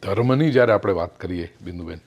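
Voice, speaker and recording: A middle-aged man giving a spiritual discourse, telling a parable with acted quotes and slowing down for emphatic English phrases. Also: low voice, highs cut off. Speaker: spiritual speaker. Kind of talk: Gujarati spiritual discourse with storytelling.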